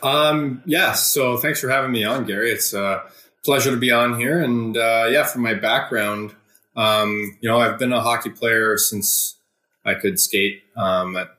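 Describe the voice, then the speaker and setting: A young man, a hockey player from Ontario, telling his story in an interview in an earnest, measured way with many fillers. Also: mid-range voice, pushed and bright, roomy sound. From Ontario, Canada. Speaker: guest, pro hockey player.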